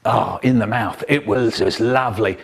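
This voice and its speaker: A man's voice: normal speed, creaky, very noisy. A man telling a story, his speech spliced together from separate clips with jarring jumps between words. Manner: jumpy, jarring shifts in pitch and loudness between words. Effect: spliced together word by word from clips.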